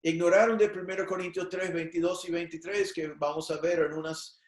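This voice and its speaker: A man preaching a sermon from the pulpit, his fairly high voice ringing through an echoey church. He moves through the passage in an animated way, slipping into the voices of the people he quotes. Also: brisk. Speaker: pastor.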